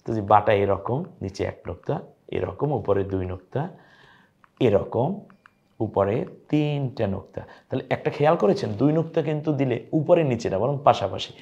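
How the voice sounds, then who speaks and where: A man's voice: mid-range voice, lively intonation, moderate pace, darkish tone, lo-fi sound. A man teaching viewers to read Arabic letters, coaxing them to repeat each letter name after him. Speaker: Quran teacher.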